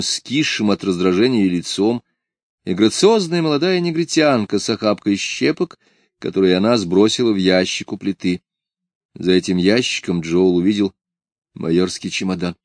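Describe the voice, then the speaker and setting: A man reading a novel aloud as an audiobook narrator, in a measured, even literary style. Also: fairly low pitch, no echo. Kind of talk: scripted narration.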